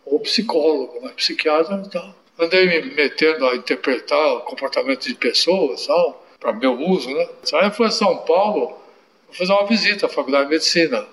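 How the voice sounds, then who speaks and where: An older Brazilian man with a fairly high voice tells stories in an animated, anecdotal manner. His talk is full of little tag questions. The sound carries an echoey room. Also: fairly quick. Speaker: interview guest. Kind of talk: storytelling in an interview.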